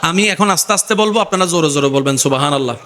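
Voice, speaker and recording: A man preaching a sermon to a crowd, often shouting and calling on the listeners to answer him. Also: very fast, background noise. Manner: calls on the crowd to respond; often shouts in a high, strained pitch.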